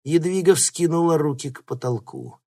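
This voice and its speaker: A man reading an audiobook in steady, dramatic narration. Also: on the high side, normal speed. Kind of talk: scripted narration.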